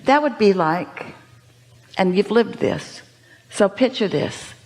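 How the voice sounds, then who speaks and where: A woman's voice: mid-range voice, expressive, slow pace, a little mellow. Woman teaching a seminar crowd, talks as "we", keeps firing questions. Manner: speaks as "we", emphatic rhetorical questions. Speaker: inspirational speaker.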